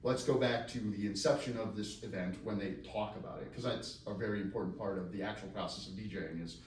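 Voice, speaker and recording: This lowish, steady voice belongs to a fast-talking screenwriter answering questions before a live audience after a script reading. He's casual, rambling, self-deprecating, and jokey. Sound comes from a distant mic in an echoey room with faint noise.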